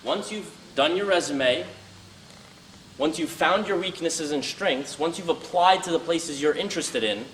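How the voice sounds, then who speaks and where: A young adult guest speaker, Albanian by first language, delivers an earnest, motivational talk and Q&A to a class. His voice sits on the high side at a measured pace, loud at the outset. The recording has a roomy, far-off quality with faint background noise.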